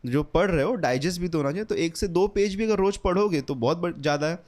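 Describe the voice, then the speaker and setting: A man's voice: on the high side, fast talker, a little mellow. A young man, giving an earnest, casual English lesson and repeating his points, with English words mixed into his speech. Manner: earnest, repetitive, mixes English words into Hindi. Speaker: English teacher. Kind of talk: casual spoken lesson, book recommendation.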